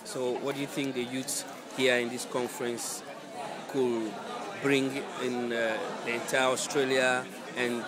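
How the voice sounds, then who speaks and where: A man's voice: medium pitch, little pitch movement, measured pace. A man interviewing a conference attendee, asking plain questions with small fillers. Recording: loud crowd chatter behind.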